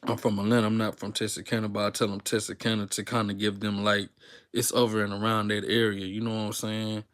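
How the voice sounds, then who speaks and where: A young Texan YouTuber chats unscripted to his viewers on a live stream, rambling in a relaxed, slang-filled way with many fillers and restarts. His voice is on the low side, and he talks fast.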